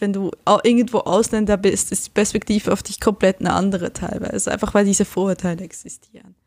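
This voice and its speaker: A woman's voice: a little high, a little mellow, no echo. A young woman, chatting as a guest and animatedly acting out the people she quotes. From Switzerland. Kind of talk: casual conversation.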